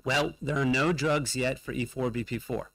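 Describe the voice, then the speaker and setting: Gravelly-voiced male scientist giving a lecture. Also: medium pitch, steady tone, a bit bright, no echo, rough recording. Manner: measured, with frequent fillers and pauses. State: losing his voice. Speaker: conference presenter. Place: conference hall.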